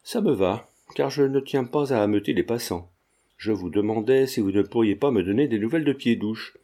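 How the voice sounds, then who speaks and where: A man's voice: medium pitch, a little fast, warm tone, natural voice. A man voicing a brash, cheeky young painter who talks in a blunt, teasing way.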